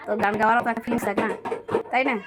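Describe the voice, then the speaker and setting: A woman's voice: on the high side, little pitch movement, rapid-fire, very noisy. A woman vlogging while she cooks in her small home kitchen, her voice a little thick today, chatting on and on and pleading with viewers to keep watching. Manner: chatty, repeats herself, keeps pleading with viewers. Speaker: cooking vlogger. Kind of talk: casual cooking vlog chat. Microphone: camera propped to one side.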